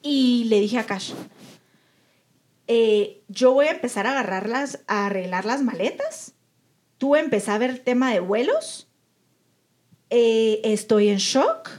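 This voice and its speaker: A woman's voice: fairly high pitch, sing-song, a little slow, long pauses, darkish tone. A young adult woman, co-hosting a podcast in casual chat and earnestly telling a personal story while acting out what her relatives said. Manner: earnest, acts out quoted relatives. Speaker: podcast co-host.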